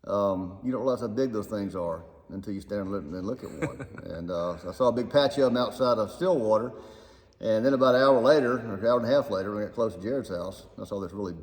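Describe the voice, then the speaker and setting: A man with a Southern US accent chatting casually about faith as a guest, talking fast and self-deprecatingly, his voice echoing inside a barn. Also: fairly low pitch, a little mellow. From Alabama, US South. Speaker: guest speaker.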